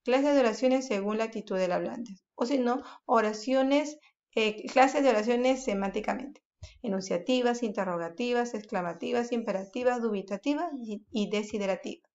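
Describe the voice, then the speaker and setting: A woman's voice: on the high side, moderate pace, darkish tone, lo-fi sound. A woman teaching a recorded grammar lesson to primary school pupils, explaining patiently, repeating key points and checking that the children follow.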